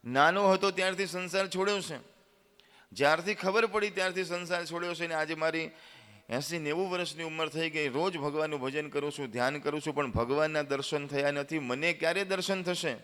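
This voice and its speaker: A man's voice: a little high, brisk, a bit bright, clear, resonant tone, lightly acted. A man voicing an earnest old hermit sage in a told religious story, asking pleading questions. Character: aged long-bearded male hermit sage.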